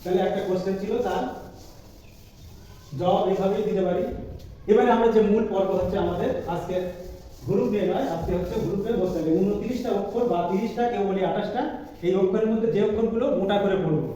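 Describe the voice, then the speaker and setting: A man teaches a reading lesson, slowly repeating each letter sound so the class can follow. His voice sits high but mellow. It carries from across a very echoey room, well away from the mic. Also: far from the mic. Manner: slow, patient, repeats letter sounds to drill pronunciation.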